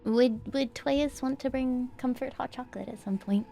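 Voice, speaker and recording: A woman's voice: sits high, moderate pace, gravelly, warm tone, a little hiss or hum. A woman livestreaming a horror game as a scared, jumpy streamer, chatting to viewers and exclaiming as she plays. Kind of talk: horror game livestream chat, reacting while playing.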